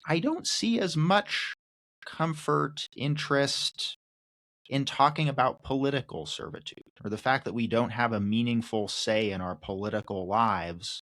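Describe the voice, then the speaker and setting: A man hosting a podcast, putting a long, measured question to his guest and building it up with lists. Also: medium pitch, a bit bright, no room sound, low-quality recording. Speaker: podcast host. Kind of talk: interview question.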